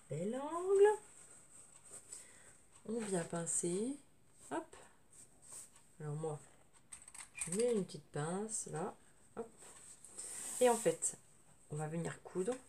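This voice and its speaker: A woman hosting a casual sewing tutorial, her voice thick and odd from tonsillitis, hesitant and often clearing her throat, recorded on a camera without a separate microphone. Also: mid-range voice, dark tone. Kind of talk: casual spoken craft tutorial. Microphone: camera's built-in microphone at a distance. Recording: noisy room sound without microphone.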